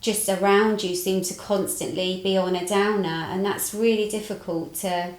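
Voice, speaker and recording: A woman's voice: mid-range voice, steady tone, moderate pace. A British woman co-hosting a casual business chat, speaking thoughtfully and often restarting her phrases. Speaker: podcast co-host, business owner. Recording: roomy echo.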